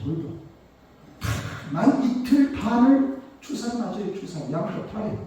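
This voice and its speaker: An older male pastor preaching a sermon, telling a personal story with emotion, swinging from hushed tones to loud exclamations. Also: high-pitched, slight background noise. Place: church sanctuary. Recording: echoey church hall, mic at a distance.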